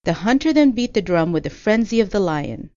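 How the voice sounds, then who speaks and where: Woman reading a folktale in a mellow voice. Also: medium pitch, sing-song, fairly quick, no echo. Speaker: storyteller. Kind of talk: scripted folktale narration. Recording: dull lo-fi audio.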